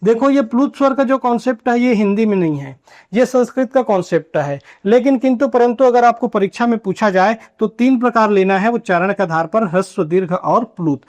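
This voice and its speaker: A man teaching a grammar lesson at a board, asking questions and answering them himself, and drawing out key terms slowly. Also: sits high. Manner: asks and answers his own questions. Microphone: writing on a board while teaching.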